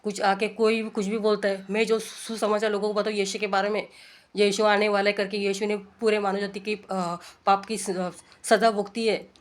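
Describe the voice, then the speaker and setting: A woman's voice: mid-range voice, level tone, normal speed. A woman delivers an informal sermon in an earnest, exhorting way. She repeats her points and keeps checking in with her listeners through rhetorical questions, as in a casual home talk. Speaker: preacher.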